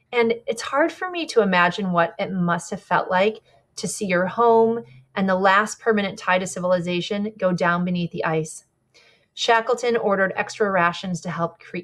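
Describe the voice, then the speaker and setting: A woman guide walks an audience through a slide presentation. Her delivery is conversational and unhurried, with the odd slip she stops to fix. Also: medium pitch. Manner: warm, conversational, with small slips and self-corrections. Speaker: polar expedition guide giving a presentation.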